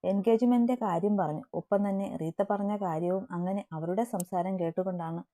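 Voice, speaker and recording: A woman narrating a romance story in a steady, matter-of-fact reading. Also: medium pitch, a little fast.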